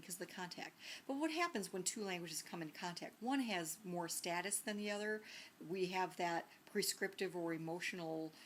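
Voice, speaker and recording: This is a recorded lecture by a woman teacher whose voice sits on the low side. Her style is conversational, full of ums, restarts, and frequent rhetorical questions, over a faint hiss or hum.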